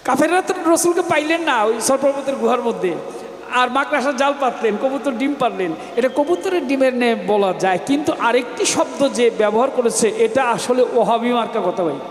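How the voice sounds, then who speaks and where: A man, a folk singer on stage, lecturing a live audience in a preachy manner, scolding the crowd and breaking into shouts. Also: very high-pitched. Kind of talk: spoken address to a live audience. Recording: echoey hall with long reverb.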